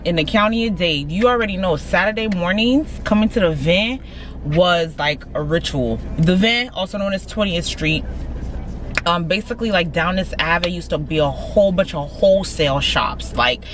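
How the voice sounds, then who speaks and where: A young woman from Miami chatting casually to the camera, talking in quick slangy bursts and dropping in Haitian Creole words. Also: lowish voice, animated, fairly bright tone, slight background noise. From Miami, USA. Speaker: vlogger. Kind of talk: casual vlog chat. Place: in a car and on a city street.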